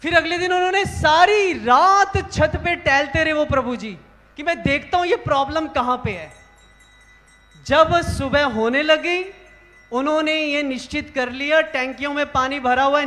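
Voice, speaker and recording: A man, a monk, telling devotional stories to a large gathering in an animated, emphatic way. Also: very high voice, in a large hall. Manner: animated, rising to emphatic exclamations. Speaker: monk speaking at a religious assembly. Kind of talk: devotional storytelling talk. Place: large gathering hall of monks.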